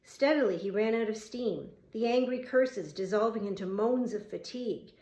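A woman narrating a novel as an audiobook, in a steady, measured storytelling manner. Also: fairly high pitch. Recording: roomy echo.

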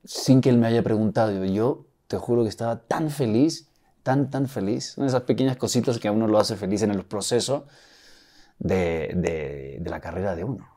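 Male interview guest, low and mellow, Mexican accent, reflective with restarts. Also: moderate pace. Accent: Mexican Spanish, acquired. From Chile. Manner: reflective, with frequent restarts and soft laughs. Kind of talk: casual interview talk.

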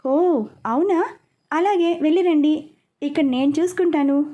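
A woman's voice: high-pitched, unhurried, dark tone, dull audio, voice pushed up. A woman voicing an easygoing young woman who talks casually and sighs, in a storybook reading. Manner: casual, sighing.

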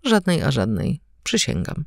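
Stiff young officer, low and flat, woman voicing him. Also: a little slow, vocal fry, no echo, clean studio sound, full character voice. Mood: cold. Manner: flat, indifferent. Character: young officer, cold and unmoved.

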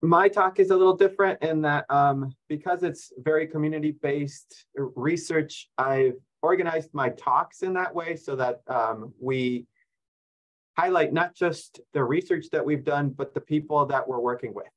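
A man's voice: fairly high pitch, unhurried, low-quality recording. Ecuador-born man giving a seminar talk. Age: 40s. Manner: friendly, explanatory, light self-deprecating humor. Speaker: guest speaker, fisheries biologist. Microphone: video call.

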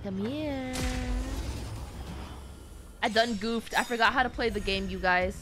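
Her voice sits on the high side and moves a little slowly as this game streamer chats playfully with her viewers, against a noisy background of game music. She's lively and talkative, addressing them as "gamers" and "guys."

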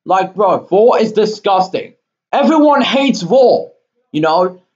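A man hosting his own channel, delivering an indignant, rambling rant full of fillers and halting restarts, with sudden outbursts. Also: sits high, expressive, darkish tone. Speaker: channel host. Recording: dull lo-fi recording.

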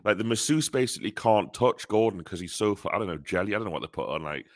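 A man co-hosting a fan podcast in casual, animated chat, joking and swearing now and then. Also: lowish voice, quick pace, dry recording. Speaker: podcast co-host.

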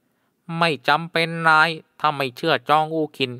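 A male narrator voicing a stubborn, wary head porter who speaks loudly and slowly. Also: fairly high pitch, flat delivery, clean tone, dry recording, studio quality, pitched above the performer's own voice. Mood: insistent.

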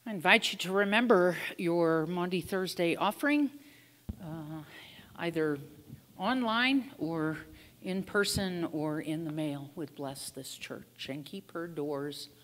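A woman pastor leading liturgical prayers in a slow, measured way, heard with a cathedral-like church echo. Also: on the low side, fairly bright tone. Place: church sanctuary. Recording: long church-hall reverb.

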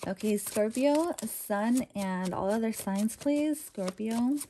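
A woman's voice: on the high side, slow pace, mellow, slight background noise. A young adult woman doing a casual tarot reading, chatty and reassuring, with lots of loose fillers as she talks to viewers. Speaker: tarot reader.

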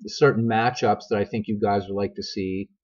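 A dull, slightly lo-fi recording of a middle-aged man hosting a game tutorial. His voice is husky with a smoker's rasp. He talks conversationally to viewers and wanders into asides as he explains. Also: on the low side, steady tone, moderate pace. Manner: conversational, digressive, addresses viewers directly. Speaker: video game tutorial host. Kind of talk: casual, rambling tutorial narration. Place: voice-over recorded over screen capture. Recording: dull, lo-fi microphone sound.

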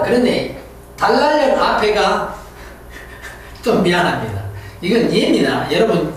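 A man's voice: sits high, slight background noise. A man lecturing on English words and grammar, who jokes and thinks aloud. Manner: lively, joking, thinks aloud. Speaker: English teacher. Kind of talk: classroom lecture. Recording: echoey room, mic far off.

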